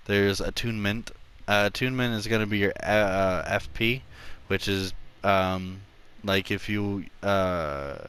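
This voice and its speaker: A man's voice: on the low side, a bit bright, smooth. A man casually talking through a video game's character creation, rambling with many fillers and restarts. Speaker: gameplay tutorial narrator. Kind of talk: casual gameplay commentary.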